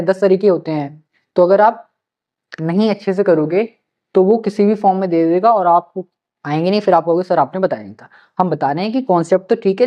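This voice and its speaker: A male teacher giving study-planning advice to students, coaxing them and repeating his key points. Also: sits high. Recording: slightly muffled lo-fi recording.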